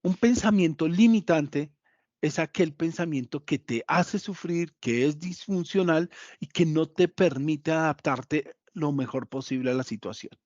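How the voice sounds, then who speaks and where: A man's voice: fairly high pitch, unhurried, darkish tone, no echo, dull audio. A man giving a motivational psychology lesson, repeating key points and speaking directly to his listeners.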